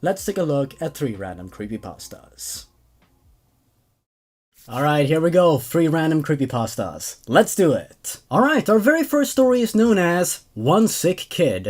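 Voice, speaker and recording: Recorded indoors at home in a small room, a man in his twenties with a voice on the high side narrates horror stories for his reading show. He delivers the scripted narration and casual commentary expressively and with animation into a large condenser desk microphone.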